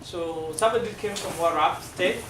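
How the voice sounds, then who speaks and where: A middle-aged man from South Sudan with a South Sudanese accent and Dinka as his first language, giving a halting, explanatory classroom presentation full of fillers. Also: sits high. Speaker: guest speaker. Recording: echoey room from far off, noisy.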